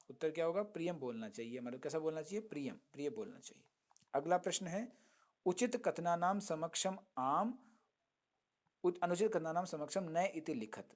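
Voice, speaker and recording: Guy teaching sanskrit online, voice a bit on the high side, chants the verses then walks through answers. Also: darkish tone. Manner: explains step by step, chants Sanskrit lines slowly, then translates; asks students questions and answers them himself. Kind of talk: online lesson.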